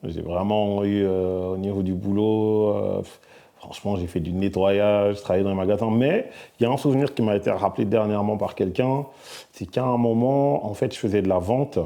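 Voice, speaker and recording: Belgian-raised guy, middle-aged, kinda low voice, really dark and mellow, lots of hesitating. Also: brisk, vocal fry. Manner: soft-spoken, hesitant with many fillers. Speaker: musician guest. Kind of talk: casual interview answers.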